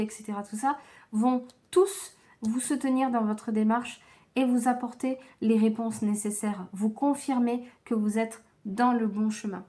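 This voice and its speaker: A woman giving a slow, gentle tarot reading to viewers, tired and low on energy, with frequent hesitations. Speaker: tarot card reader.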